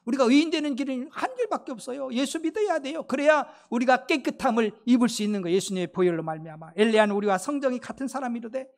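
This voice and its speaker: A woman pastor preaching a sermon with fervor, sprinkling in blessings and hallelujahs, her voice swinging between loud rises and soft drops. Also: animated, fast talker, hardly any pauses. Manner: fervent, with repeated blessings and hallelujahs; sweeping rises and drops in pitch and loudness.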